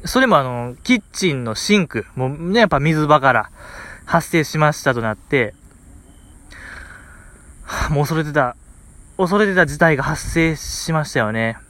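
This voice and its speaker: A man with a Kansai Japanese accent hosts a podcast, his voice a little high, his pace moderate, with frequent pauses. He tells a story as a casual monologue, animated and full of comic exasperation, with plenty of fillers.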